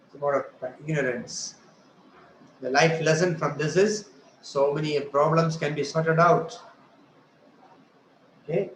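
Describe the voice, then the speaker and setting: A man gives a conversational religious lecture. He often checks in with "right?" and acts out the voices he quotes. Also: a little high. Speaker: spiritual teacher. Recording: roomy echo, faint noise.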